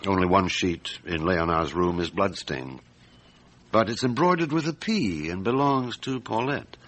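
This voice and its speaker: A man playing a calm, middle-aged French police chief inspector in a radio drama, speaking in a measured, deliberate, matter-of-fact way. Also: sits low, heavily acted. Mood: measured, factual.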